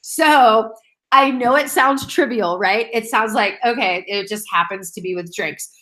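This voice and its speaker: A woman's voice: fairly high pitch, a little slow, a bit bright. A woman in her thirties, chatty and upbeat, coaching her sales team on goal setting and calling her listeners guys. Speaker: direct sales team leader. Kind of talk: casual coaching talk.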